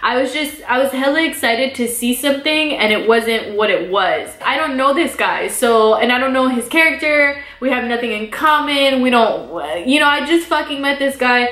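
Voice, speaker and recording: A woman's voice: high voice, moderate pace, hardly any pauses, fairly bright tone. A young woman telling a dating story as a casual vlog while eating, chatty and profane with lots of fillers. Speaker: vlogger. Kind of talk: casual storytelling over a mukbang. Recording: echoey room.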